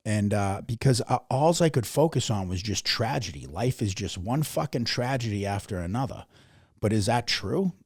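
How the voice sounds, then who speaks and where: A man with a low, husky voice talks with blunt, swear-laden candor, getting worked up as he tells his story. His voice is recorded dry and close in a studio. He sounds like a guest opening up on a podcast. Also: moderate pace, dry recording. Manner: profane, blunt and animated. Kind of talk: candid conversational storytelling.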